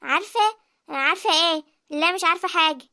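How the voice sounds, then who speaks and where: A woman voicing Sara, a lively and emotional young village woman in an animated drama, with an Egyptian accent. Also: very high-pitched, quick pace, no echo, studio quality, heavily acted. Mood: defensive. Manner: animated, expressive. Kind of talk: cartoon voice acting.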